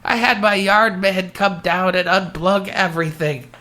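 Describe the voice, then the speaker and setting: A man putting on a slow, high old lady. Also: sharp tone. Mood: blunt. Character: elderly grieving mother, blunt and wry.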